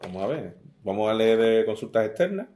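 In this interview, a middle-aged Andalusian poet speaks in a fairly low, dark voice that is very animated and a little quick. He pokes fun at himself, reads his sonnets, and frequently restarts his words.

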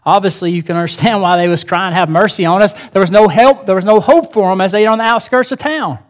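A man's voice: high voice, fast talker. A male pastor preaching a sermon in a church, earnest and emphatic, repeating his key phrases.

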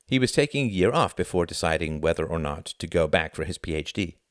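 A man reading a novel aloud as an audiobook narrator, in an expressive storytelling manner. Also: deep voice, quick pace, no room sound, clean studio sound. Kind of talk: scripted narration.

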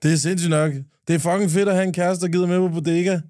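A man's voice: high-pitched, fairly even intonation, mellow, dry recording, studio quality. Teasing, crude podcast host man. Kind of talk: casual chat.

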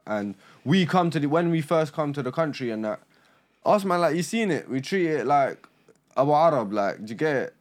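A man's voice: on the high side, expressive, moderate pace. A man with a London roadman accent explaining his view casually in slang, often checking that he is understood. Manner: peppers talk with tags like a check for agreement.

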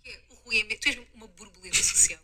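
A woman's voice: fairly high pitch, very fast, bright, forceful tone. A woman gushing effusively in a casual podcast clip. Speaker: podcast speaker.

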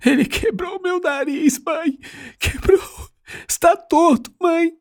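A man voicing a young adult daughter in an audiobook, wailing in a high strained voice. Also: takes it slowly, vocal fry, a little mellow, slightly rough, full character voice. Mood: sobbing, panicked.

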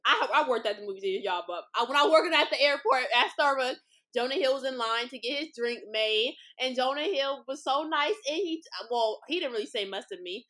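Young woman podcaster, excitable and cussing a lot, kinda high bright voice. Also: brisk. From Los Angeles. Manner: chatty, profane, excitable. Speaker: podcast host. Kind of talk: casual storytelling podcast.

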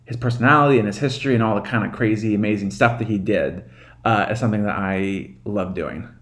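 A man's voice: fairly low pitch, fast, a bit bright, a little hiss or hum. A man chatting casually as a podcast guest, rambling and enthusiastic. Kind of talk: casual chat.

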